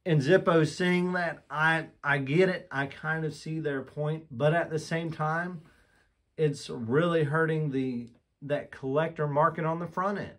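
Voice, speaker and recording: A man with a slightly raised speaking pitch reviews a collectible lighter from his display room. He talks candidly and with enthusiasm, breaking off and restarting sentences as he gathers his thoughts. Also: fairly even intonation, unhurried, fairly bright tone. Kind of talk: casual product review vlog.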